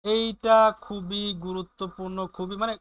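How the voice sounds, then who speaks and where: A man teaching German in an online class, explaining slowly with many fillers and often checking in with his students. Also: high-pitched, little pitch movement, a bit bright, smooth.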